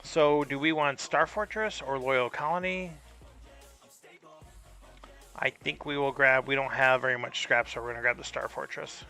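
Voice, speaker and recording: A man commentates a card game live in a relaxed, chatty way, thinking aloud as he puzzles over his opponent's choices. His voice has a gravelly, fry-laden texture with a bright, forward edge. Soft music plays faintly in the background. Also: mid-range voice, moderate pace, pauses often. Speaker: streamer. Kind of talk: casual live gameplay commentary.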